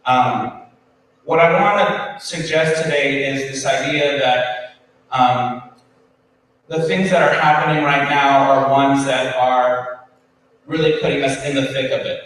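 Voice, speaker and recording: A man's voice: medium pitch, fairly even intonation, unhurried, fairly bright tone. A man giving a conference keynote to educators, earnest, with many ums and restarts, recorded from far off. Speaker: keynote speaker. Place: school hall with audience. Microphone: far from the recording device. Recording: roomy hall from far off, faint ambience.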